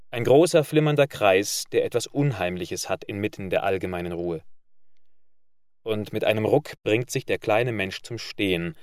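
A man narrating a literary story in a measured reading voice. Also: on the low side, no echo, studio quality. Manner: measured reading, loud barked commands for characters.

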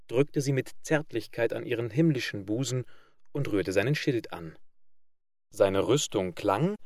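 A man with a fairly low voice reads a fairy tale aloud in a measured, even literary manner. The recording is close and dry, with no room sound. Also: dry recording. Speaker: audiobook narrator. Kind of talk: scripted narration of a fairy tale.

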